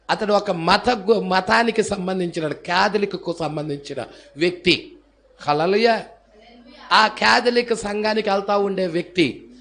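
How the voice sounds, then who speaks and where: A fiery male preacher with a high, gravelly voice and a bright edge. He drives his sermon with sudden shouts and cries of hallelujah. When he tells a story, he acts out its characters. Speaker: pastor.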